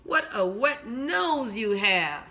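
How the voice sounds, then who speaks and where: Storybook granny, elderly and doting, sing-song and bright; woman reader puts her on. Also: a little high, very animated, slow, faint music behind, full character voice. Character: loving elderly grandmother, doting and fretful.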